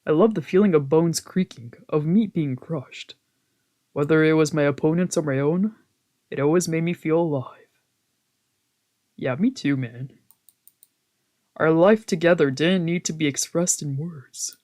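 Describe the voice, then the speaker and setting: This man's voice is fairly high with a darkish tone, delivered at a measured pace with frequent pauses. He streams a visual novel, switching between relaxed let's play commentary and read-aloud narration, reacting, swearing, trailing off and self-correcting.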